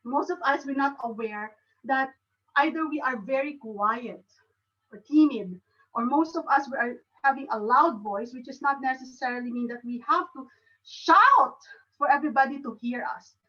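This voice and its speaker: A woman with a Filipino accent giving a club talk on speaking, halting and restarting often. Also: high voice, bright, forceful tone, recorded from a distance, dull audio. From Philippines. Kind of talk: educational talk.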